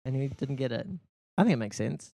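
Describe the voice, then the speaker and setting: A man's voice: mid-range voice, lively intonation, fairly quick, vocal fry, dark tone, dry recording. A man co-hosting a casual podcast, rambling and joking, swearing freely. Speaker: podcast co-host. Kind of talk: casual chat.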